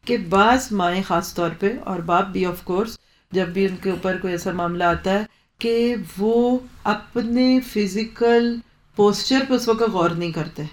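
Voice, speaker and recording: A woman giving a parenting talk, explaining with homely examples and mixing in English phrases. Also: mid-range voice. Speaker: parenting speaker.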